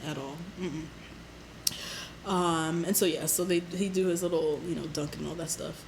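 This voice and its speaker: A woman's voice: low voice, fairly even intonation, moderate pace, darkish tone, a little hiss or hum, low-quality recording. A woman co-hosting a podcast, chatting casually about a reality show, laughing often and using lots of fillers. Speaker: podcast co-host.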